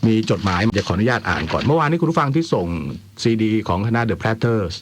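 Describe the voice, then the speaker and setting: A man's voice: fairly low pitch, big pitch swings, rapid-fire, slight background noise. A man hosting a radio programme in an informal way, with wry asides, as he chats and reads. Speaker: radio host. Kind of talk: radio phone-in chat and letter reading. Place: dry radio studio.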